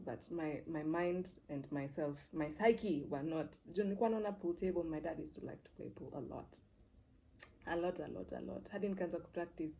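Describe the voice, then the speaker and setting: On a rough recording with slight background noise, a young Kenyan woman with a low, mellow voice candidly shares a personal story. She's a TV presenter, expressive in her delivery, emphasizing points by repeating words and alternating English and Swahili.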